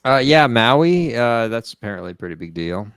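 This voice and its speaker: A man co-hosting a casual chat, easygoing and filling pauses with "uh.". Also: mid-range voice, big pitch swings, fairly bright tone, clean tone, dry recording. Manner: easygoing, with filler words. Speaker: podcast co-host.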